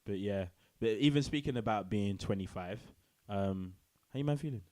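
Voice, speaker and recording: A man, co-hosting a podcast in relaxed, slang-heavy casual chat. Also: on the low side, moderate pace. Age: 20s. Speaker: podcast co-host.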